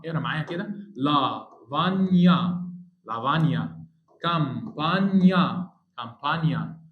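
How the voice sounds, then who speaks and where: Egyptian male tutor, fairly high voice, echoey room, slow word drills, encouraging. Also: lo-fi sound. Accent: Egyptian Arabic. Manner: drills words slowly, repeats each one, coaxes the student. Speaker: Italian language teacher. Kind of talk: online lesson for high school students.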